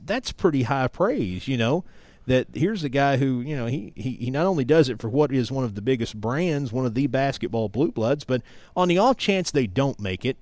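Earnest and emphatic, this middle-aged American sportscaster from East Tennessee tells stories and looks back on the past while being interviewed conversationally. His voice sits mid-range with a darkish tone, and there's no echo.

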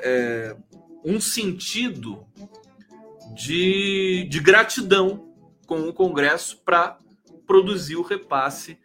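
A man's voice: a little high, a bit bright. A man hosting a live stream, chatting casually about politics, rambling and tagging his sentences with questions to viewers. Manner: chatty, rambling, constant "né?" tags, reads out viewer comments.

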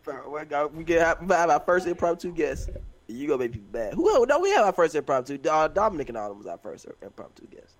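A male podcast co-host in casual chat, his pitch leaping around as he reacts with playful exasperation. His voice sits slightly higher than most men's and stays animated. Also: quick pace.

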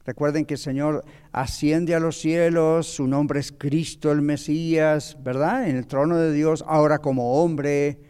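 Male pastor, higher voice, patient Bible teacher quizzing his class, reverberant church hall. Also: steady tone, a little slow, few pauses, warm tone, smooth. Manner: asks the audience questions, explains patiently.

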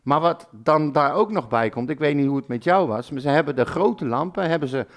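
Older man, blunt swearing rants, slightly high voice. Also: expressive, fairly quick. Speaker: podcast co-host, football fan. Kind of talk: casual podcast chat.

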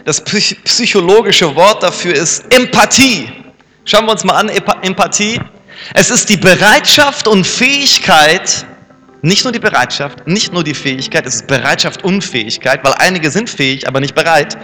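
A man's voice: high-pitched, lively intonation, moderate pace, pushed and bright. A man preaching a sermon, acting out everyday scenes between the Bible verses. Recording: reverberant hall with background music.

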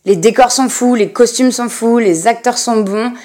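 A woman's voice: fairly high pitch, normal speed, mellow. Chatty woman rambling casually. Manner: chatty, rambling, many fillers and restarts. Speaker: podcast host. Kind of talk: casual personal podcast monologue.

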